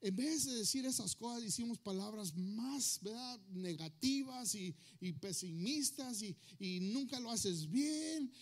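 A man's voice: sits high, unhurried, few pauses. A male pastor preaching a sermon to his congregation, switching between two languages and asking the listeners questions. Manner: switches between Spanish and English, asks the crowd questions.

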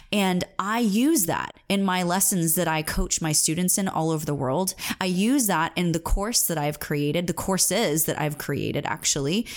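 Earnest woman singing coach, lowish voice. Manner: earnest, emphatic, storytelling. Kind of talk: motivational talk to camera.

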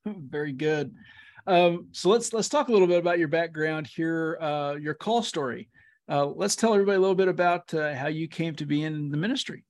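Gravelly male podcast host with a cold. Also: a little high, a little fast. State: congested with a bad cold. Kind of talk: prepared podcast introduction and interview questions.

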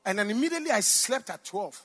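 A middle-aged Ghanaian preacher with a notably high voice tells a story from the pulpit. He drops to a near hush, then rises into loud outbursts, speaking straight to his listeners. The sermon is lively and full of drama. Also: quick pace, slightly rough. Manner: animated, swings from hushed to shouting, addresses the audience directly. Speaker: pastor.

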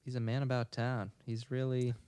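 A young man co-hosting a podcast in casual chat, laughing often and talking in an animated way. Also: medium pitch, normal speed, a little hiss or hum. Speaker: podcast co-host.

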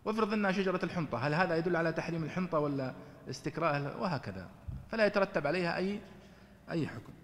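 A man's voice: fairly high pitch, animated, rapid-fire, fairly bright tone, in a large hall. A man teaching Quran commentary in a conversational lecture style, asking his students rhetorical questions.

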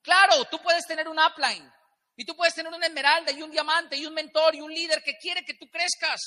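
A man's voice: very high-pitched, steady tone, brisk, bright, forceful tone. Man preaching business in an echoing hall. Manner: emphatic, rhetorical questions, acts out little dialogues. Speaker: motivational business speaker. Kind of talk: motivational stage talk. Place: large event hall with a live audience. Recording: long hall reverb.

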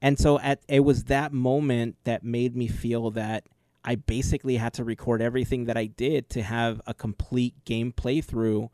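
He's a podcast co-host and maker of gameplay videos, earnestly talking through his gaming experience at length in a laid-back chat. The voice is medium-pitched and darkish, recorded without any room sound.

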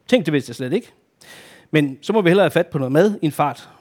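A man voicing a kindly, fussy gentleman with a pipe and moustache in a children's story, flustered and well-meaning. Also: a little high, expressive. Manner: warm-hearted, flustered.

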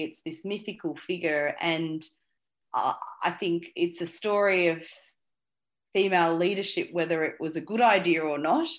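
A woman, an interview guest who talks casually with many fillers and restarts. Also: on the low side. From Australia. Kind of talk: conversational interview.

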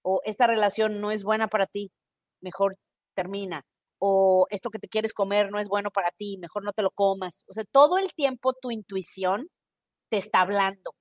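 A Mexican woman hosting a podcast, telling a personal story in a casual, expressive monologue and acting out the voices in her head. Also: medium pitch, moderate pace, no room sound, dull audio. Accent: Mexican Spanish. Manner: expressive, animated storytelling with quoted inner voices. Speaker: podcast host.

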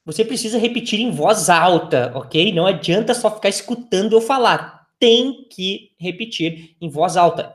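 A man with a Brazilian Portuguese accent, teaching English and saying phrases slowly and clearly so learners can repeat them. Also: high-pitched. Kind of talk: language lesson with repeat-after-me drills. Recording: echoey room.

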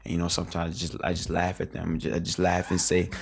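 A man's voice: low voice, completely flat delivery, fast, creaky, a little hiss or hum. A young man in his late teens, a guest in a casual interview, rambling through his memories with lots of filler words and restarts.

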